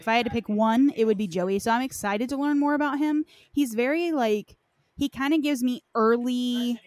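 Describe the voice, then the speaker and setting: Talking game lore on a podcast, this woman's speech is loose and halting, peppered with "like." Her voice is a little high and a little mellow, with no echo.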